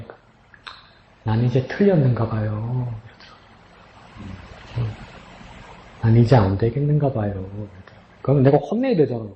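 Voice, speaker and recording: A man's voice: mid-range voice, slight background noise. A man, a pastor, preaching an emotional, storytelling sermon to his congregation and rising into a pleading tone when he voices God's words. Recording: roomy, slightly dull sound.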